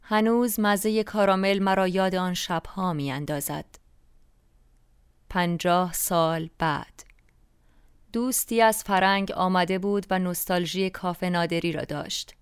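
An older woman from Iran reading her own memoir aloud in a slow, wistful and reflective way. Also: medium pitch, smooth, no echo, clean studio sound. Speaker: narrator.

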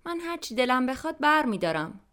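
A woman's voice: high voice, sing-song, fairly bright tone. A woman voicing Tom, a polite, appreciative male dinner guest, in a scripted language-lesson dialogue. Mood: pleased. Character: friendly adult man, a dinner guest.

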